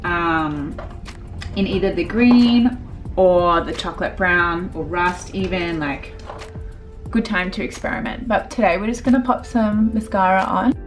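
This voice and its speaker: A woman's voice: on the low side, unhurried, soft background music. A woman, a makeup artist chatting casually through a tutorial with lots of fillers. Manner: chatty, filler-heavy, relaxed.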